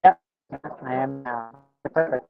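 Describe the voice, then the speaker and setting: A man's voice: medium pitch, measured pace, creaky, faint music behind. Guy on a crackly video call, muffled lo-fi sound, laid back, lots of ums. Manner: easygoing, hesitant with fillers. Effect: crackly, breaking-up video call audio. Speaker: stream co-host. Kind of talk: casual chat. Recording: dull lo-fi crackly call line.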